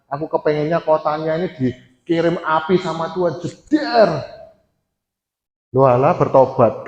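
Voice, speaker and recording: A preacher with an East Javanese accent voicing an indignant, sulking male prophet who loudly complains to God. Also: a little high, close to an everyday voice. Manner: loud, exasperated complaining. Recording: echoey church hall, dull sound.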